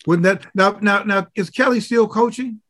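Male co-host, high-pitched, casual, joking. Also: moderate pace, fairly bright tone. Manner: joking, loose and profane. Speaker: sports talk co-host. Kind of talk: casual sports chat.

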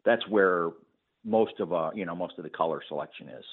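A lower-voiced man talks through a tinny, phone-like line on a radio call-in show. He explains his painting work patiently, with lots of fillers, and laughs easily. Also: fairly quick, husky. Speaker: painting contractor guest. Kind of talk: phone-in interview.

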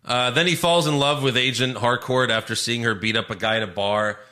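Man, podcast co-host, casual chat, bright tone, recaps with laughs. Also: medium pitch, fairly even intonation. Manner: recaps scenes with quick acted quotes, laughing often. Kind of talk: casual chat reviewing TV episodes.

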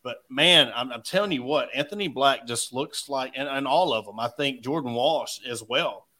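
A man's voice: mid-range voice, moderate pace, sharp tone. A man hosting casual sports talk in a folksy, conversational way.

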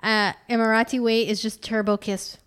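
A woman's voice: fairly high pitch, little pitch movement, normal speed, fairly bright tone, clean tone. A woman in a casual chat, chiming in with short remarks and laughter.

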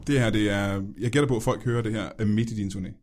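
Deadpan male podcast host. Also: on the low side. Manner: deadpan, mock-serious questions. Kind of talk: casual podcast interview.

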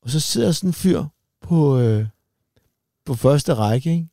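Man, casual podcast chat, comic storytelling, higher voice, dry sound. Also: lively intonation, warm tone, no room sound. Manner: acts out quoted voices in storytelling. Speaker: comedian podcast co-host.

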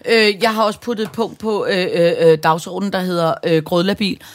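A woman's voice: fairly low pitch, fairly even intonation. A middle-aged woman, mother of a teenager, co-hosting a podcast, rambling and stumbling over her words in casual chat. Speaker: podcast co-host.

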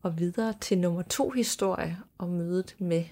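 A woman hosting a storytelling podcast, reading eerie first-person accounts aloud in a calm, hushed way, sometimes dropping to a soft whisper. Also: fairly low pitch. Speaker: podcast host.

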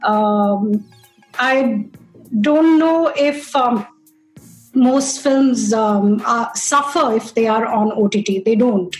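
A woman's voice: on the high side, slow pace, reverberant, soft background music, poor audio. A woman with an Indian accent talking conversationally as a panel guest, emphatic and switching between English and Hindi.

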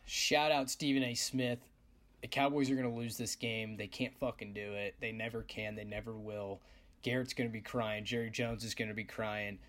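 A man hosting a casual sports podcast, his voice raspy and hoarse, trading brash, joking trash talk. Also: on the low side, flat delivery, moderate pace, a bit bright. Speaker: podcast host.

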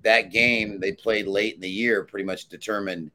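Deep-voiced confident sports handicapper man. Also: fairly even intonation, normal speed, sharp tone, a little hiss or hum. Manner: confident, emphatic picks. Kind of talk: sports betting analysis.

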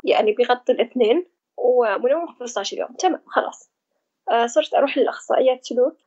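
Woman talking fast and high, husky voice, lots of pauses, muffled lo-fi audio. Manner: hesitant, searching for words, reflective. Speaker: guest sharing personal experience. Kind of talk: casual conversational interview.

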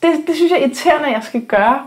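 A woman's voice: high-pitched, expressive. A woman hosting a podcast, talking candidly and with plenty of animation, swearing freely and acting out what people said. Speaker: podcast host. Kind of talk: casual conversation. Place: podcast studio.

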